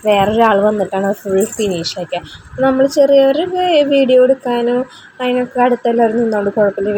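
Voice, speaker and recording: A woman's voice: mid-range voice, a little mellow, slight background noise, low-quality recording. A young woman, a mother, narrating her family trip in a chatty, rambling vlog voice-over with asides to the viewer. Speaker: travel vlogger, mother.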